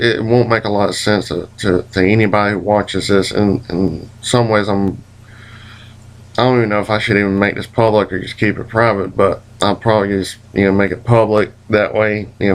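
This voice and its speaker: A man's voice: fairly low pitch, fairly even intonation, a little fast. A man casually rambling through a recounted dream in a hazy, puzzled way, groping for words, with folksy, mildly profane phrasing. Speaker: vlogger.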